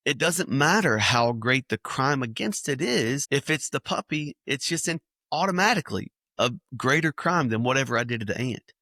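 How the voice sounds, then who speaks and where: A man, a children's ministry speaker, telling lively illustrative stories in a podcast interview. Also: medium pitch, moderate pace, hardly any pauses, dry recording, studio quality. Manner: animated storyteller acting out scenes.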